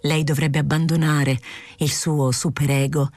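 A woman reading as a calm, frank male doctor. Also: deep voice, unhurried. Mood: earnest. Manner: calm, probing, gently lecturing.

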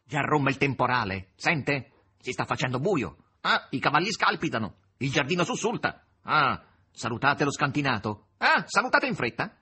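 Male reader as sly demon henchman, husky and theatrical, audiobook read-aloud. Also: a little high, very animated, normal speed, sharp tone, full character voice. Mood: mocking. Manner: mocking, theatrical.

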